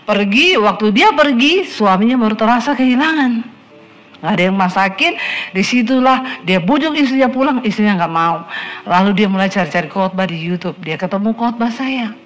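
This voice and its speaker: A middle-aged woman pastor preaching a sermon, telling a story lively and with teasing asides. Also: medium pitch, moderate pace, faint music behind.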